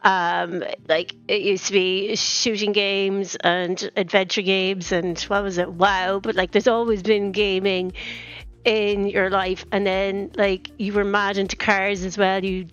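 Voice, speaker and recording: A woman's voice: medium pitch, little pitch movement, unhurried, a bit bright, smooth, dull audio, faint music behind. A woman with a west of Ireland accent chats informally as a guest on a live stream. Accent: Irish, west of Ireland. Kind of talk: casual, informal chat.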